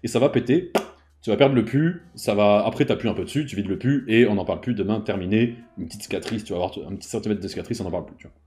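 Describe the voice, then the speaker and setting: Sure-footed retired firefighter around sixty, as a storyteller quotes him, brisk and matter-of-fact. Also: male voice, lowish voice, dark tone, voice pushed down, natural voice. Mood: assured. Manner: confident, matter-of-fact advice. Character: sixty-year-old retired male firefighter, self-assured.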